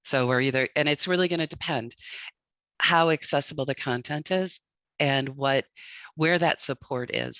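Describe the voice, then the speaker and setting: A man's voice: mid-range voice, fairly bright tone, no room sound. A man presenting an instructional webinar, giving direct, practical advice. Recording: dull lo-fi dry audio.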